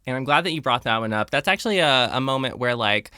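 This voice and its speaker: A man's voice: medium pitch, expressive, quick pace, bright, forceful tone, smooth, no echo, clean studio sound. A young adult man hosting a podcast, chatting casually and retelling scenes with playful quoted lines. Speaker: podcast host.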